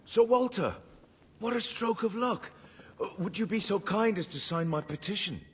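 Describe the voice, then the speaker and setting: An actor playing an earnest, deferential campaigner for the poor in a video game, husky voice and effusive, halting pleas. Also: male voice, sits high, expressive, fairly bright tone, full character voice. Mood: pleading.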